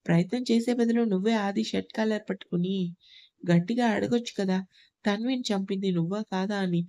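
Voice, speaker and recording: A woman voicing a caring young man who acts as a protective older brother, gentle and reassuring. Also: medium pitch, fairly quick, no echo, natural voice.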